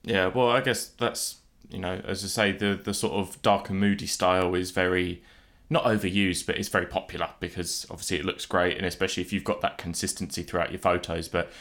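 Deep-voiced male podcast host. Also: level tone, fairly quick, fairly bright tone. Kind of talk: casual interview talk.

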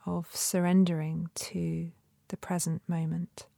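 A woman leading a guided meditation in a soft, breathy, often near-whispered voice with a gentle, soothing manner and long pauses. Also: lowish voice, flat delivery, no echo, studio quality.

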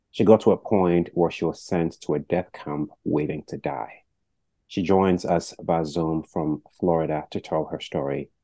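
A man's voice: extremely low pitch, mellow, no room sound. A man hosting a podcast interview, earnest and reacting often with "wow". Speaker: podcast host.

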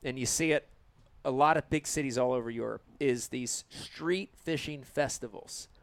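A man's voice: mid-range voice, moderate pace, dry recording. A man who hosts a fishing show, chatting casually and enthusiastically and repeating himself for emphasis. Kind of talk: casual group chat about fishing.

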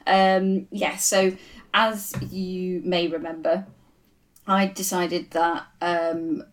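A woman chatting casually as a podcast panelist in an informal, rambling way, with computer clicking behind her. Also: fairly low pitch. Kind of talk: casual chat. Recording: distant mic, mouse clicking behind.

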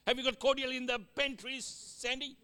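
In a level tone at a moderate, smooth pace, a Fijian-accented man preaches with a very high, piercingly bright voice. His points are punctuated by amens and call-outs to the congregation, and he mixes in joking asides while moving from loud declarations to near-murmurs.

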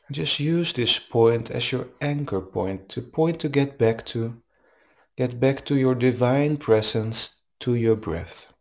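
A man leading a guided meditation as a teacher, speaking in a calm, soothing manner with long pauses. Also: mid-range voice. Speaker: meditation teacher leading a live online session.

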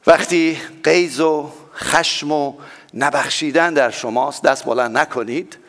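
A male pastor preaching a sermon with strong swings in loudness and pitch, repeating phrases for emphasis. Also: gravelly.

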